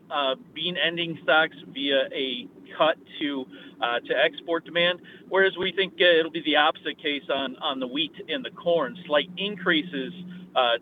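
A man calling into a radio show as a market analyst, talking through grain trading in a halting way with many filler sounds. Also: a little high. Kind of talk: phone-in market discussion. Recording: tinny phone line with faint noise.

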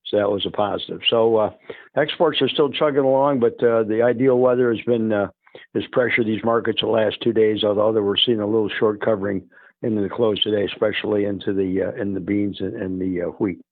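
Guy calling in over the phone, low voice, tinny phone line, lots of uhs. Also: fairly even intonation, no room sound. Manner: halting, many fillers. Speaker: market analyst guest. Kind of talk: market commentary.

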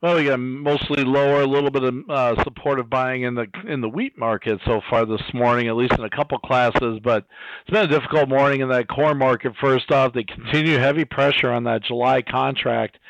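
A man's voice: mid-range voice, a bit bright, no room sound. A man calls in over the phone to give a grain market rundown. The line is dull and lo-fi, with no room sound at all. He talks casually and plainly, now and then restarting a phrase. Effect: heard over the phone. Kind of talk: market commentary on a radio farm report.

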